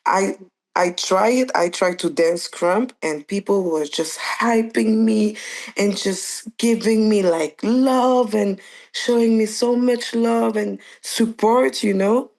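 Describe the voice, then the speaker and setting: Speaking slowly in a medium-pitched, slightly mellow voice, a young adult Belgian woman who dances and choreographs chats as an interview guest. It's casual interview talk, loose and searching, with lots of restarts, fillers and "like."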